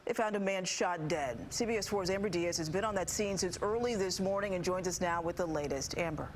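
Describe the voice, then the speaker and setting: A woman with an American accent and a lowish voice reads a scripted TV newscast as an anchor. Her delivery is brisk, formal, and polished, and there is background noise.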